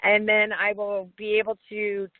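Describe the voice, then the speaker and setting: A woman in her fifties, a pageant titleholder, chats as a guest in a casual interview, folksy and talkative and laughing often. Her voice is medium-pitched, a little slow, and completely flat in delivery. It comes over a tinny phone line, dry with no room sound.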